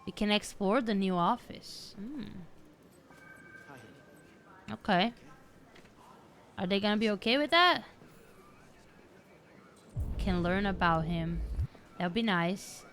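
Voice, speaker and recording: A woman's voice: medium pitch, takes it slowly, pauses often, fairly bright tone, a little hiss or hum. A woman streamer giving casual gameplay commentary, chatty and thinking aloud as she plays.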